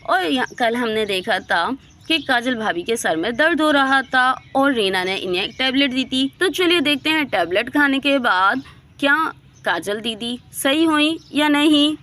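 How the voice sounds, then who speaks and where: A woman tells a children's moral story in a fairly high voice. Her narration is friendly and plain, and it links the characters' scenes. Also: animated, unhurried, pushed and bright. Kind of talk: scripted narration.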